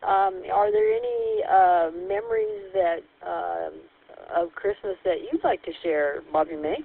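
A woman hosting a radio net check-in, heard over a two-way radio, speaking in a friendly, measured way with hesitant fillers. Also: medium pitch, big pitch swings, vocal fry. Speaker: net control host. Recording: tinny two-way radio with faint static.

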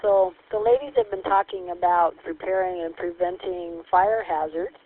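Gravelly, low-voiced woman running a radio net over a two-way radio, methodical and friendly, with tinny sound. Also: expressive, moderate pace. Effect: heard over a two-way radio.

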